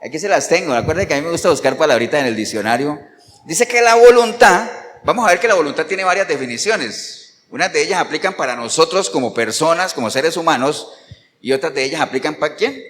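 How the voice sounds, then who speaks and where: A man's voice: fairly high pitch, animated, fairly quick, fairly bright tone, long reverb tail. A male pastor preaching a sermon in Costa Rican Spanish, emphatic and firing rhetorical questions at the congregation. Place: church.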